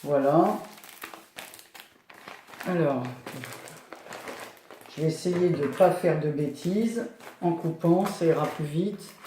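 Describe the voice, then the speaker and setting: A woman's voice: sits low, slow, long pauses, dark tone, a little hiss or hum. An older woman chatting casually as she opens her mail for a scrapbooking video, rambling with fillers. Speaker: scrapbooking YouTuber. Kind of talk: casual chat while opening mail. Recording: echoey room.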